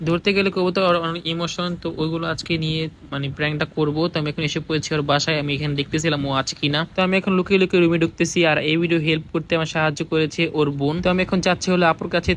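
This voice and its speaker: A man's voice: a little high, a bit bright, slight background noise. A young man hosting a prank vlog, chatting casually and slipping English phrases into his speech. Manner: rapid, mixes English phrases into Bengali. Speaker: vlogger host.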